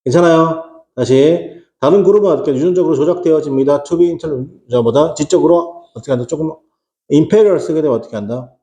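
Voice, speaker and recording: A man's voice: a little high, brisk, dark tone, reverberant. A man teaching English exam prep in Korean, asking rhetorical questions and answering them himself, with casual slang asides. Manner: rhetorical questions, repeats "어떻게 한다?".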